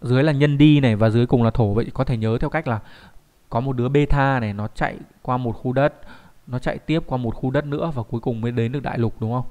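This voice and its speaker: This online kanji teacher speaks fast in a darkish, mid-range voice, regularly pausing his explanations to check in with the class using rhetorical questions.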